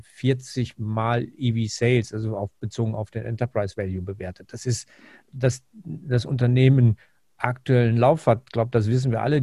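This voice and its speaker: A man co-hosting a podcast, giving conversational market commentary haltingly and repeating words as he thinks. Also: mid-range voice, mellow, no room sound, studio quality. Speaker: finance podcast co-host.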